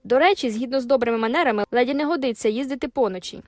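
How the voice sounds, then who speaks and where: A woman's voice: a little high, rapid-fire, no echo, clean studio sound, close to an everyday voice. A woman playing a proud, haughty young mistress. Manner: cool haughty retorts. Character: proud composed young female farm owner.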